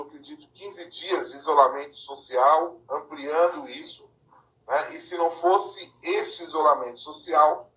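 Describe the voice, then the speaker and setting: A man from Paraná hosts a casual live-stream chat, his slightly high voice sitting back from the mic in an echoey room. He talks conversationally and keeps checking in with the listener through tag questions. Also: a bit bright, distant mic. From Paraná, Brazil. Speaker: live-stream host and councilors' association president.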